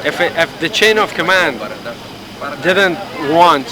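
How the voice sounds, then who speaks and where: A middle-aged man from Afghanistan, interviewed outdoors, speaking haltingly with many restarts and fillers. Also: fairly high pitch. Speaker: hunger striker being interviewed. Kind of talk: street interview. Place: outdoors in a busy public area. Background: crowd noise.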